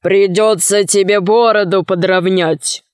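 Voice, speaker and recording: A woman voicing a stern young male warrior hero in a storybook reading, slow and menacing. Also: mid-range voice, fairly even intonation, dry recording, studio quality, natural voice.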